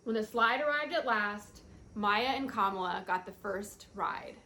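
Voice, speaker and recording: A woman at a medium pitch reads a children's picture book aloud, a touch slow, with an expressive storytelling delivery.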